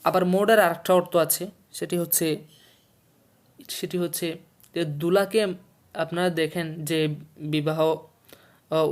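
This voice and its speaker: Patient male teacher repeating each word. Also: a little high. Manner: explains slowly, repeats words and meanings, quizzes the listener. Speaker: Urdu teacher. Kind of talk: textbook lesson for a video series.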